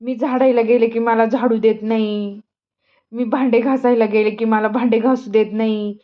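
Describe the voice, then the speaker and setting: A woman talking to her young son for viewers in a casual family vlog, coaxing him with gentle, repeated questions. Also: a little high, level tone, normal speed, muffled recording. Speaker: mother filming her child for viewers.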